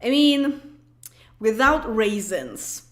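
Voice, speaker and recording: Talking extremely slowly in a slightly high, sing-song voice, a Polish woman in her late twenties livestreams and responds to comments. Her casual chat, in a Polish accent, is packed with fillers, false starts and laughs.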